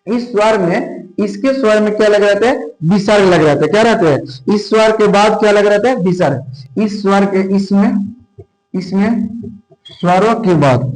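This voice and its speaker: A man teaching grammar to a class, speaking with a fairly high voice. He keeps asking his students questions and then repeats the answers himself. The sound carries a noticeable room echo. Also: darkish tone. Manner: repetitive call-and-response questioning. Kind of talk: classroom lecture. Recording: roomy echo.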